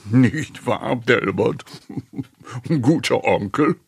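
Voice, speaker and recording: A man reading an audiobook, voicing an elderly gentleman doctor who speaks in a calming, mildly mocking way. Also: fairly low pitch, slow pace, husky, no room sound, heavily acted. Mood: soothing.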